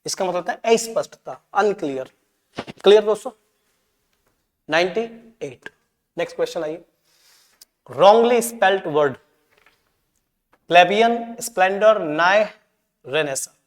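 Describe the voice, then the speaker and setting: A man's voice: high voice, lively intonation, slow pace, pauses often, long reverb tail. A man teaching English for exam preparation, going through answers and mixing Hindi explanation with read-out English lines. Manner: mixes Hindi with read-out English, often checks in with "ठीक है?".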